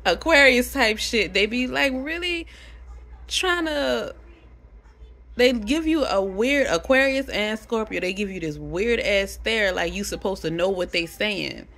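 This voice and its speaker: A young adult woman vlogging, telling a casual story to camera, animated and chatty, swearing freely. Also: mid-range voice, measured pace.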